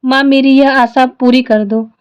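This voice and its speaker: A woman's voice: high-pitched, steady tone, measured pace, smooth, lo-fi sound. A woman voicing a young devoted wife who prays and pleads in her grief, in a storytelling style. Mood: pleading. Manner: pleading, tearful prayer.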